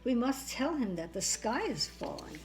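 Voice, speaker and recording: A woman's voice: a little high, big pitch swings, normal speed, gravelly, a little mellow, voice pushed up, poor audio. A woman voicing an earnest little hen from a children's storybook, pleading and insistent. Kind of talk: children's storybook read-aloud.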